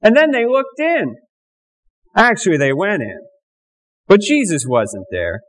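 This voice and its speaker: A cheeky, wisecracking male duck puppet, played by a man, full of folksy jokes. His voice sits high and swoops up and down. He drawls slowly through his tall tales for a church children's message. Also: wildly swooping pitch, a bit bright, heavily acted. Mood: storytelling.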